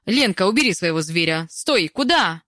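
A woman reading a story and voicing a big, brash, teasing female friend who talks loudly and boldly, in a dry, close recording. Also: medium pitch, lively intonation, normal speed, no room sound, voice pushed up, natural voice. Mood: shouting. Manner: bold, teasing, loud.

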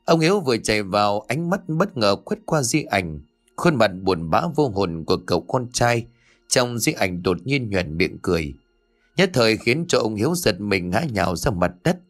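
Male horror audiobook narrator, lowish, lively delivery, soft music under. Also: normal speed. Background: faint music.

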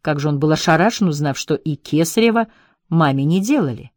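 A woman calmly narrating an audiobook in an even storytelling manner. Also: sits low, a little fast, dry recording, studio quality. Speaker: audiobook reader. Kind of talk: scripted narration.

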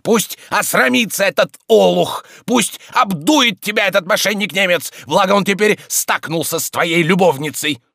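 A man voicing a coarse, bullying middle-aged man who shouts insults and accusations. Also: sits high, normal speed, gravelly, hardly any pauses, no room sound, studio quality, voice pushed up, exaggerated voice. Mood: yelling.

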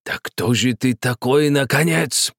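A man's voice: on the high side, expressive, normal speed, a little mellow, no room sound, studio quality, pitched above the performer's own voice, close to an everyday voice. A man reading an audiobook, voicing a quarrelsome but good-natured old man who hisses and grumbles. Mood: angry. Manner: hissing, exasperated then placating.

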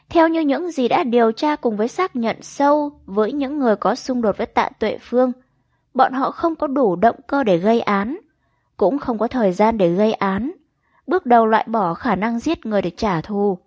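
A woman reading a crime novel aloud as an audiobook narrator, in an even, measured storytelling manner. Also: fairly high pitch, dry recording, muffled recording. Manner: even, measured storytelling with quoted dialogue read in.

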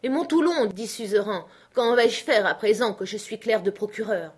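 A woman's voice: medium pitch, normal speed, slightly rough, lightly acted. A woman voicing a timid, flustered sixty-year-old grocer man who pleads anxiously in a raised voice.

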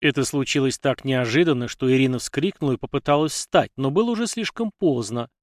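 Male narrator for a dark history reading, mid-pitched, steady, dry close sound. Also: fairly quick, dry recording. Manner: even, steady reading with dramatic emphasis.

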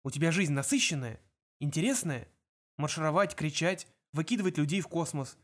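A man voicing a quick-witted alien hitchhiker in an audiobook reading, his delivery urgent and sharp. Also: on the high side, close to an everyday voice. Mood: persuasive.

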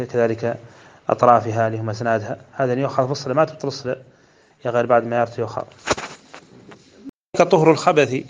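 A man from Mauritania, teaching a religious lesson by explaining a poem line by line. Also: mid-range voice. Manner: slow measured chanting of verse, then brisk explanation. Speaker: Islamic scholar teaching a text.

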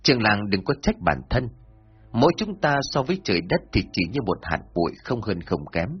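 A man voicing a calm, courteous male traveler who speaks in a measured, lowered husky voice, in a dull lo-fi recording with faint music behind. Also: exaggerated voice.

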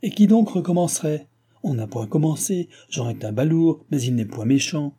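A man reading an audiobook and voicing an irritable, self-pitying aging king who complains in exasperated outbursts, with a husky voice. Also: fairly high pitch, expressive, moderate pace, dark tone, pitched above the performer's own voice.

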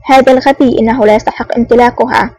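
A woman's voice: a little high, steady tone, rapid-fire, a little mellow, natural voice. A woman reading a scheming male secret agent who feigns anger in an audiobook. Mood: mock-angry. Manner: curt, mock-angry. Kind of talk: audiobook narration.

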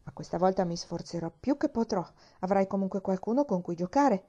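A woman reading aloud, voicing a doubtful, sharp-tongued housemaid who grumbles and speaks sarcastically. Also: mid-range voice, expressive, fairly quick, lo-fi sound, natural voice. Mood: grudging.

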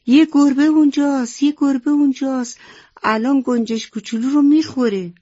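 A woman's voice: low-pitched, animated, darkish tone, highs cut off. A kindly old grandma, as a woman storyteller puts her on. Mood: alarmed. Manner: alarmed, crying out.

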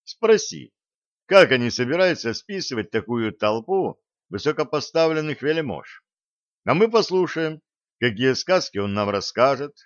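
A man's voice: mid-range voice, big pitch swings, unhurried, dry recording, highs cut off, voice pushed up. A man voicing a skeptical, sardonic male accomplice in an audiobook, with a mocking edge. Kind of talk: audiobook character voice.

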